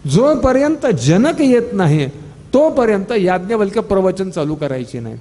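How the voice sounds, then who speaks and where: A man with a Marathi accent gives a devotional discourse with a bright, high voice. He tells an old parable, acting out each character's lines in lively quoted dialogue. His words ring with the long echo of a large hall. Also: moderate pace. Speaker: scripture discourse speaker.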